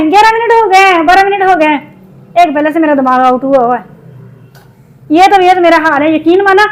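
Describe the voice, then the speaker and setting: Woman from Pakistan, very high voice, upset, sore throat, cooking vlog chat. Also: low-quality recording. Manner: upset, venting while cooking. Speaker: cooking vlogger.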